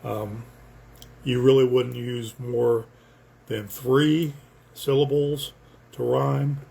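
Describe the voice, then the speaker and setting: An older man with a gravelly, creaky voice talks slowly through his own poem. He rambles and thinks aloud, pausing on fillers as he explains his word choices in a casual, unhurried way. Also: mid-range voice, level tone, warm tone.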